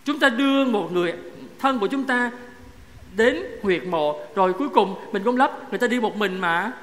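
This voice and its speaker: High-voiced priest preaching in a church. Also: male voice, moderate pace. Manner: conversational, asks the congregation questions. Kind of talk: sermon. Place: parish church. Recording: echoey church hall, faint noise.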